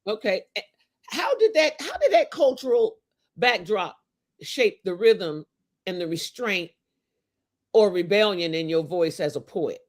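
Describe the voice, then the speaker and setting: A woman's voice: mid-range voice, very animated, measured pace, long pauses. Chatty woman host on a video call, folksy sayings, laughs often. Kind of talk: casual interview chat.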